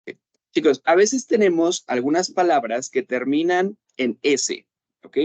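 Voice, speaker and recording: His voice is a little high, with lively intonation and a darkish tone, as he patiently explains an English lesson in Spanish online. He checks understanding with a repeated "¿ok?" and slows down for English examples, with no room sound in the audio.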